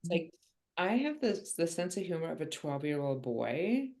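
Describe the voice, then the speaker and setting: Woman, 50s, very low pitch, self-mocking humor, rambling casual podcast guest. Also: very animated, moderate pace, dark tone, low-quality recording. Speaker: author guest.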